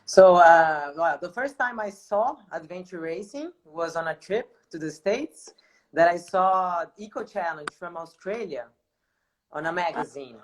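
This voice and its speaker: A woman's voice: lowish voice, lively intonation, unhurried, low-quality recording. A middle-aged Brazilian woman, a native Portuguese speaker with a Brazilian accent, telling personal stories casually in a video-call interview. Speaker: adventure racer being interviewed.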